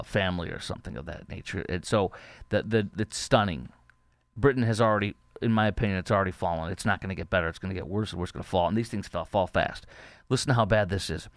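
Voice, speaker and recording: A man's voice: sits low, brisk, dry recording. A man hosting a podcast, giving indignant, scornful political commentary. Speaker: podcast host.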